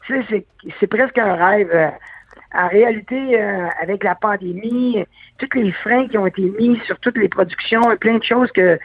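A man's voice: sits high, normal speed, breathy edge, no room sound. A man with a Québécois accent, an actor guest joking and then talking with many hesitations in a phone interview. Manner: hesitant, jokey, many fillers. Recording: tinny phone line, dry.

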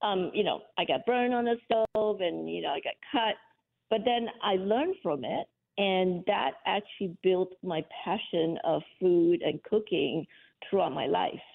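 A woman from Malaysia, a guest telling her story with eager earnestness. Her voice sits low and gravelly, and it comes through a tinny phone line. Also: unhurried. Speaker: guest, cookbook author. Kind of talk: interview answers.

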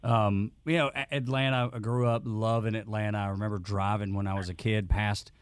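A man's voice: lowish voice, level tone, brisk, clean tone, dry recording. A man from Northwest Georgia with an Appalachian accent, hosting a casual podcast interview. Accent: Appalachian Southern US. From Northwest Georgia, USA. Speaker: podcast host.

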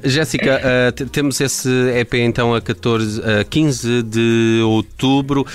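A man with a European Portuguese accent hosting a conversational radio interview, haltingly repeating words. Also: medium pitch, fairly even intonation, clear, resonant tone. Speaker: radio host. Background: background music.

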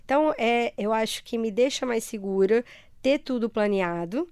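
Clear-voiced Brazilian woman with a Rio accent. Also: a little high, moderate pace, darkish tone, no room sound, studio quality. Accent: Brazilian, Rio de Janeiro (carioca). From Ceará, Brazil. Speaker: interview guest. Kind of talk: conversational personal interview.

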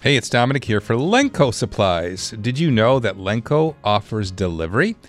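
A man's voice: mid-range voice, big pitch swings, moderate pace, soft background music. A man hosting a radio show, reading a hard sell ad with emphatic, punchy salesman delivery. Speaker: radio host of a home-repair call-in show.

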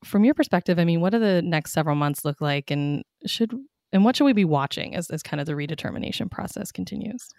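A woman interviewing a guest, brisk and searching for words as she asks. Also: fairly low pitch, expressive, vocal fry, a little mellow. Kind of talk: interview questions.

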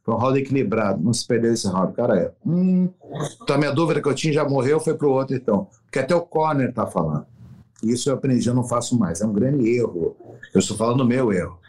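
A man's voice: medium pitch, expressive, quick pace, darkish tone. A middle-aged man, a veteran fight coach speaking bluntly and emphatically in a casual interview. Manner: emphatic, blunt, acts out quotes.

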